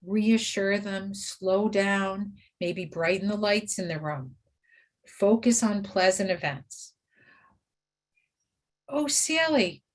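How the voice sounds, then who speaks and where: A woman teaching caregivers in a training webinar, steadily listing do's and don'ts. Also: mid-range voice.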